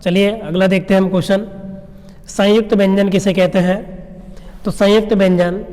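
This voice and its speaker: Male tutor, high-pitched, patient question-and-answer delivery, reverberant room. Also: flat delivery, moderate pace, a little mellow. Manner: explains step by step, asks rhetorical questions and answers them; checks in with "है ना" and "ठीक है ना". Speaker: teacher. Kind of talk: exam-prep lecture.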